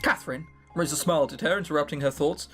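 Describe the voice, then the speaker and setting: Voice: medium pitch, fast talker, fairly bright tone. A narrator reading a story aloud in a playful, dramatic way, dropping in irreverent ad-libbed comic asides. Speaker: narrator voicing the characters. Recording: music behind the voice.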